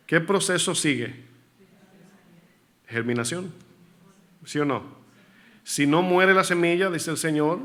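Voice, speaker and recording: A man's voice: fairly high pitch, fairly bright tone. A male pastor preaching a sermon in church, often asking the congregation questions and repeating key words for emphasis.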